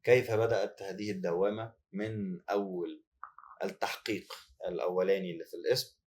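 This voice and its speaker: Lower-voiced man interviewer. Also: fairly even intonation, fairly quick. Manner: gentle questioning, short backchannels. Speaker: podcast host. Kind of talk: podcast interview.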